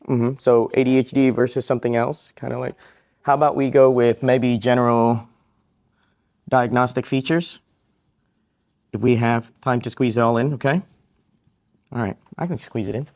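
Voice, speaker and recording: A man's voice: medium pitch, fairly even intonation, moderate pace, long pauses, a little mellow. A man from Vietnam who works as a psychiatrist, giving a live question-and-answer talk to students, upbeat and joking, repeating each question back.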